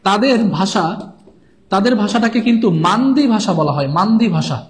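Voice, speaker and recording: A man's voice: high-pitched, expressive, normal speed. A man teaching a live-streamed exam lesson, repeating each key term several times and checking in with his viewers. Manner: repetitive, drilling key terms and checking in with viewers. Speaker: online exam tutor.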